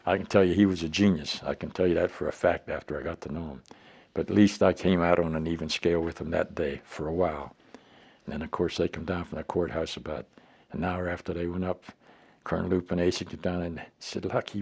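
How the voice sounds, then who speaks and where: A man's voice: sits low, steady tone, a little fast, vocal fry, a little mellow, husky. An elderly American man, a veteran remembering his service in a plain-spoken way, telling anecdotes and acting out the dialogue. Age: older, elderly. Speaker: war veteran being interviewed.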